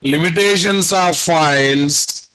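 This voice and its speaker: A man with a Telugu Indian accent teaches programming online. His voice sits a little high and he speaks very slowly, as if dictating notes. He repeats phrases and keeps prompting his students with questions. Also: fairly bright tone, low-quality recording. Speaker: programming instructor. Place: indoor room at a computer, video call.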